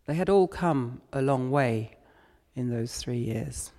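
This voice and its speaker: Slow reflective sermon from a guy preacher, lots of church echo trailing off. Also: mid-range voice, darkish tone. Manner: unhurried, reflective retelling of scripture. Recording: long church reverb.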